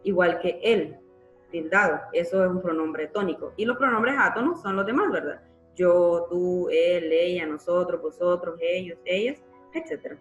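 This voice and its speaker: A woman's voice: on the low side, normal speed, echoey room, dull audio, faint music behind. A woman teacher giving a live online grammar class, explaining patiently and checking in with frequent tag questions. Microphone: computer mic in a live online class.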